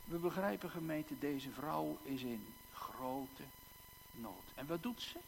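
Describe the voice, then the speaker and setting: A male pastor preaching a sermon in a church, slow and emphatic, with long dramatic pauses and repeated words. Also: on the high side, expressive, gravelly. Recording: echoey church hall, faint hum.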